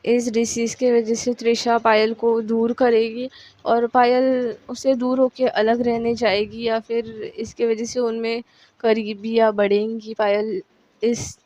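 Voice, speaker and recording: A woman's voice: a little high, flat delivery, a little slow, mellow, lo-fi sound. A woman casually narrating a romantic story, conversational, with fillers.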